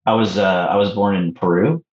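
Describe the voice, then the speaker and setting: Very low-voiced canadian guy, echoey muffled mic, takes his time with lots of ums. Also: fairly even intonation, fairly quick, a little mellow. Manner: hesitant, thoughtful, many ums. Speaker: podcast guest. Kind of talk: casual interview chat. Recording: echoey muffled remote audio.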